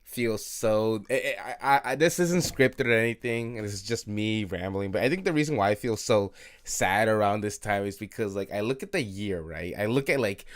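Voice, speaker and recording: A man's voice: fairly low pitch, animated, normal speed. A man in his early twenties hosting an unscripted late-night solo podcast, rambling, self-critical and swearing, with many fillers and laughs. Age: 20s. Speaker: podcast host.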